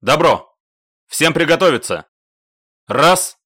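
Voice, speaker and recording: A man voicing a steady male assault commander giving orders by radio in an audiobook. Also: a little high, slow pace, slightly rough, no echo, studio quality, voice pushed up, exaggerated voice. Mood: commanding. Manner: clipped, orders.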